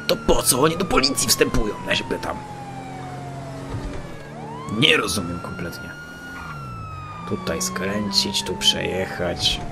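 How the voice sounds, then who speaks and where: A shrill, squeaking grumbler who complains at everything, as a man puts him on. The voice climbs very high into falsetto and carries a gravelly edge, over loud game noise with engines and sirens. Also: huge pitch swings, unhurried, long pauses, full character voice. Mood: grumbling.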